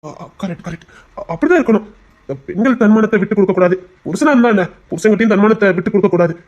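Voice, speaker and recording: A sly young schemer posing as a loyal best friend, voiced by an actor. He talks quickly and smoothly at a middling pitch, always fishing for details. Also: a little mellow, muffled recording, natural voice. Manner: smooth, fast, prying.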